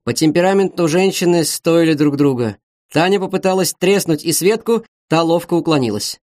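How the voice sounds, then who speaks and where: A man narrating an audiobook in a wry, brisk manner. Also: a little high, darkish tone, dry recording, clean studio sound. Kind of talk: scripted narration.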